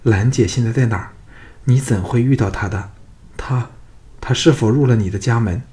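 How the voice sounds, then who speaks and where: A man's voice: fairly low pitch, normal speed, darkish tone, husky. A man doing a proud, pleading young woman. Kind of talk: audiobook character voice.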